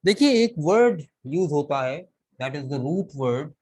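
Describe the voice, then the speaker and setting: A man teaching English vocabulary in a live online class, explaining deliberately and mixing English words into his Hindustani. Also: fairly high pitch, expressive, a little mellow, rough recording. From Pakistan. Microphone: video call.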